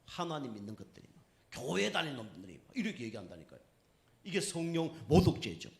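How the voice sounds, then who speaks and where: A male pastor preaching conversationally, asking the congregation questions and acting out quoted voices in a story. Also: a little high. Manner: acts out quoted speech in anecdotes. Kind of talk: sermon.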